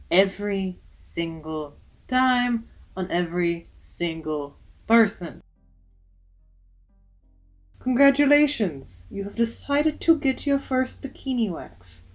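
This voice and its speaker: A young woman who works as a waxer, giving casual, emphatic advice with jokey asides in a vlog. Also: medium pitch.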